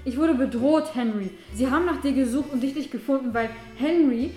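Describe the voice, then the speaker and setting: Actress as a vengeful young woman, high and biting, radio-drama style, music under. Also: a little fast, a little mellow, lightly acted. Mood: furious. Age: young adult. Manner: cold, accusing, cutting. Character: young woman, bitter and vengeful toward an old friend. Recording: echoey room with music behind.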